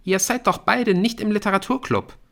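A man's voice: sits high, moderate pace, creaky, fairly bright tone, pitched above the performer's own voice. A man voicing a skeptical teenage girl who sounds cool and doubtful. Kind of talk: audiobook character voice.

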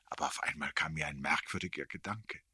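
A man reads literary prose aloud, measured and expressive, sinking into a hush when the tension rises. His voice is very low and husky, with a sharp, cutting edge. The sound is close and entirely dry. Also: dry recording. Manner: measured, expressive, hushed in tense moments. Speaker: narrator. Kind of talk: literary audiobook reading.

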